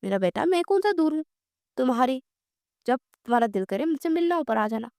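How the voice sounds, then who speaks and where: A woman's voice: high voice, expressive, brisk, a little mellow, no room sound, clean studio sound. A woman voicing an affectionate, tired old grandmother who speaks tenderly. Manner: tender, soothing.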